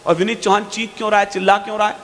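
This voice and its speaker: A man reciting his poetry on stage in a fiery, declaiming style, stretching his verse lines slowly. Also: high-pitched, flat delivery, fairly bright tone. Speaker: poet on stage. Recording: long hall reverb.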